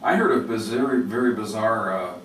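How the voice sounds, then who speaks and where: Male public radio host, lowish pitch, conversational interviewing, distant mic, faint background noise. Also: moderate pace, fairly bright tone, roomy sound. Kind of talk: casual interview talk with interjections.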